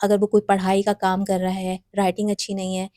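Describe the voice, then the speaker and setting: A woman with a mellow, warm voice gives parenting advice in a steady, instructive way, addressing mothers directly. Her recording is close and dry, with no room sound around her. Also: medium pitch, no echo.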